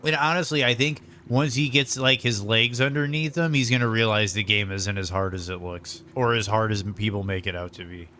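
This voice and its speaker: A man casually commenting on his video game stream in a rambling, relaxed way, eating lunch as he talks. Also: fairly low pitch, a little fast, few pauses, slight background noise. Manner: rambling, relaxed, lots of fillers. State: eating while talking.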